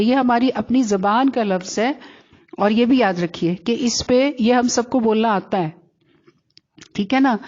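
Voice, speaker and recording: A woman teaching Quran recitation rules who explains patiently, checks that her students follow, and slowly chants the example words. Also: medium pitch, darkish tone, highs cut off.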